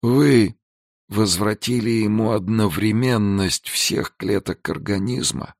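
A grieving old director speaks slowly and gravely, as a male narrator plays him. The voice is lifted a little above a low gravelly base, soft and dry. He talks like a storybook elder breaking bad news. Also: dry recording. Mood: sorrowful. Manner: grave, mournful. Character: sorrowful older male institute director.

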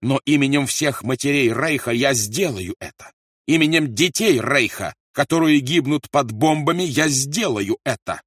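A man voicing a ruthless, volatile wartime interrogator who shouts threats. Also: mid-range voice, expressive, moderate pace, no echo, clean studio sound, pitched above the performer's own voice. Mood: fanatical.

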